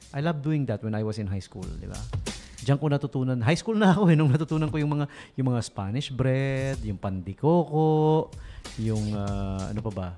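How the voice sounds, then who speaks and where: A man's voice: medium pitch, dark tone. A man with a Filipino accent hosting a casual radio show, joking and chuckling at his own puns. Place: radio studio.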